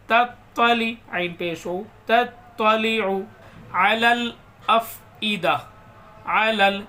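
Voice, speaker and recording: A man teaching Quran recitation. He recites slowly and draws out words, then explains quickly and spells out letters and vowel marks. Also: high voice, sharp tone, a little hiss or hum. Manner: slow drawn-out recitation alternating with quick explanations. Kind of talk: step-by-step recitation lesson.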